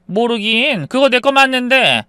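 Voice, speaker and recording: A man voicing an indignant older mother-in-law in a story, protesting in sharp outbursts. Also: extremely high pitch, very animated, a little slow, clean tone, no echo, pitched above the performer's own voice, full character voice. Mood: bitter.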